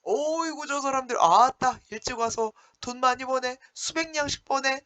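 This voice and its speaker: Man putting on Heungbo, a high wailing timid man. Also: moderate pace, sharp tone, no echo. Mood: envious. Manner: wailing, exclaiming in a high sing-song. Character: timid poor grown man, fearful then envious.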